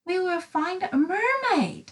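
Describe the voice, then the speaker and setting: A woman voicing a scatty, excitable little lady from a children's storybook, with a dramatic, naive eagerness. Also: extremely high pitch, slow, far from the mic, voice pushed up, exaggerated voice. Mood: curious.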